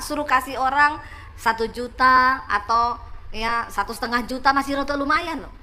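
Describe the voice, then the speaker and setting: A woman pastor preaching a sermon, telling a story and acting out its dialogue, swinging from loud to hushed. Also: high-pitched.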